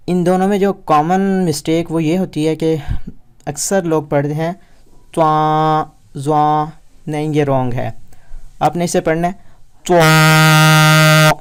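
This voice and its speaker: Smooth-voiced man teaching Quran letters. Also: fairly high pitch, a little mellow. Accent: Pakistani Urdu. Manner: explains in Urdu with English words, then slowly drawls each letter aloud. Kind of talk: step-by-step recitation lesson.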